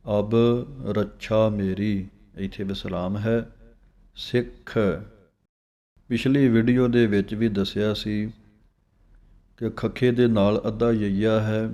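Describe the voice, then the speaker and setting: A man teaching scripture recitation. He chants verses slowly with pauses and gives plain spoken instructions on pronunciation. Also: fairly low pitch, level tone, mellow.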